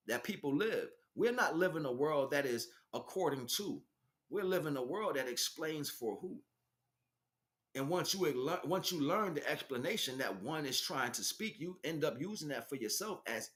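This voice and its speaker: Speaking with a mid-range, fairly bright voice, a man acts as a teacher delivering an unscripted spiritual monologue. His preaching comes in emphatic, short and repetitive bursts.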